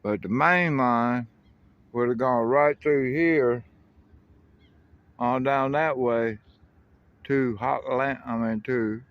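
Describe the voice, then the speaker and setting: Slow and full of long pauses, a middle-aged railfan from South Carolina narrates casually while filming outdoors by a rural highway and railroad. His mid-range voice stays steady as he rambles in a folksy manner, often correcting himself, over a dry, lo-fi recording.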